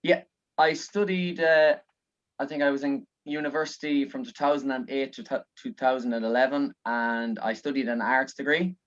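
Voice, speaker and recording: Irish man, 30s, outgoing chatty guest, muffled lo-fi video call. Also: mid-range voice. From Ireland. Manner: outgoing, chatty, frequent uhs. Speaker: guest speaker. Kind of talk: casual video-call chat. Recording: dull lo-fi call audio.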